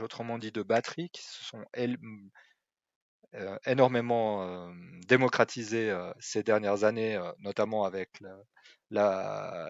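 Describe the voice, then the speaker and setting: A man's voice: on the low side, no echo, dull audio. Hesitant man explaining. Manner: hesitant, many fillers and restarts. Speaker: website presenter. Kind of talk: screen-recorded tool walkthrough.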